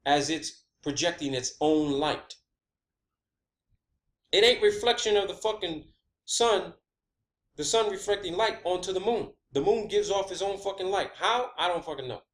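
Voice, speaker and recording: This is a video host's informal monologue on a theory of his own, and he delivers it emphatically and combatively with frequent swearing. The man's voice is high and fairly bright.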